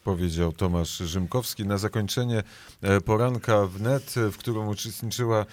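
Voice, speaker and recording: A man's voice: on the low side, normal speed, a little mellow. A man presenting a live morning radio programme as its host, in a studio.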